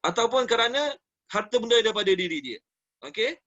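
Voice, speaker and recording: A Malaysian man with a Malay accent gives a religious study lecture in a high, bright voice. He is animated and draws on everyday examples, asking his listeners questions as he goes. The recording sounds dull and lo-fi. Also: a little fast. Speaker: religious teacher. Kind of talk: Quran study class lecture.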